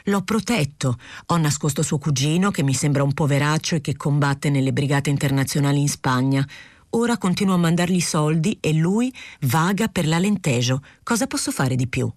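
A woman's voice: deep voice, a little mellow, no echo, studio quality. A woman reading the part of an anxious, widowed older male journalist who speaks in a plaintive, defensive way, in an audiobook.

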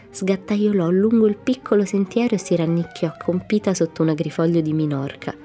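A woman reading a classic children's storybook aloud in a calm, even manner. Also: lowish voice. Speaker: audiobook narrator.

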